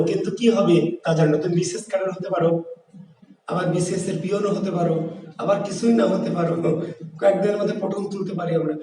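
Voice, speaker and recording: Male teacher, exam-prep lecture, mellow tone, long echo from a distance. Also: high-pitched. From Bangladesh. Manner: rhetorical questions, repeats key words. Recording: echoey room, voice from far off.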